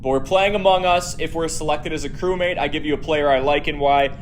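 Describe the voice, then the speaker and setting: A man's voice: fairly high pitch, brisk, a little hiss or hum. Man streaming with an echoey room sound. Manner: chatty, reads out and answers viewer comments. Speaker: live-stream host. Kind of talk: casual live-stream chat while gaming. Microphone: no headphones, audio through device.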